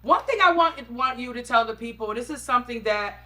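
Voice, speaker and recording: A woman's voice: fairly high pitch, animated, a little fast, a bit bright. A woman hosting a casual interview, enthusiastically hyping up her guest. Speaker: host.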